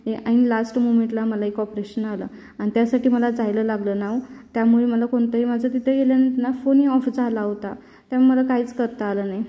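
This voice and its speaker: A woman's voice: fairly high pitch, steady tone, fairly quick, highs cut off, natural voice. A woman voicing an apologetic young policewoman who sounds short of breath, heard with long reverb.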